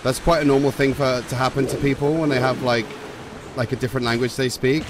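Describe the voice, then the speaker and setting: A man's voice: mid-range voice, steady tone, quick pace, noisy background. A man casually commenting as he plays a game on a live stream, chatting with and thanking his viewers. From England. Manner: chatty, reads and thanks chat while playing. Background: game music.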